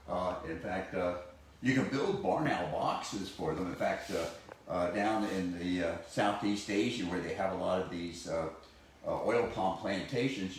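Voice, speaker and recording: A man with a fairly low voice giving a relaxed educational talk about owls. He rambles, chuckles and restarts sentences as he goes. The room is very echoey, with faint noise underneath. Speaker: wildlife educator presenting live owls.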